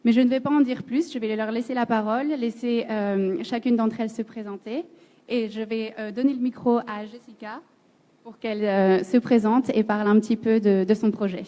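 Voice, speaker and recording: A woman's voice: a little high, fairly even intonation, normal speed, dark tone. A woman moderating a panel, welcoming the audience in a formal, orderly way. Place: event hall. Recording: long hall reverb.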